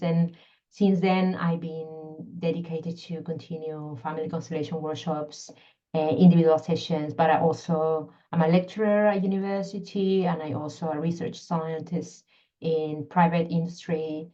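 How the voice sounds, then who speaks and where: Woman, Peruvian accent, low voice, thoughtful and explanatory, dull video call sound. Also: fairly even intonation, normal speed, dark tone. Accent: Peruvian Spanish. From Peru. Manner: thoughtful, explanatory, searching for words. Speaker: guest, constellation facilitator and scientist. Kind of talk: podcast interview.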